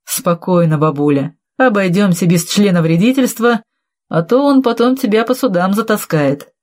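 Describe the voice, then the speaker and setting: A woman's voice: mid-range voice, moderate pace, a little mellow, close to an everyday voice. Woman doing a chill young guy in a storybook, offhand and easy.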